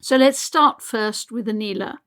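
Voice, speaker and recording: A woman's voice: on the high side, a little slow, fairly bright tone. A woman hosting a podcast as expedition leader, speaking reflectively with frequent restarts. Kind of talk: podcast narration.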